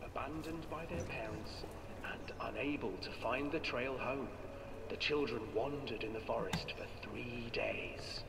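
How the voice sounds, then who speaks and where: A man's voice: medium pitch, unhurried, far from the mic, background noise, lightly acted. Eerie storybook narrator, a man, echoing from afar. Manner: lively, theatrical storyteller. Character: eerie male ride narrator, adult. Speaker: fairy tale narrator of a ride. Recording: echoey hall heard from afar, music.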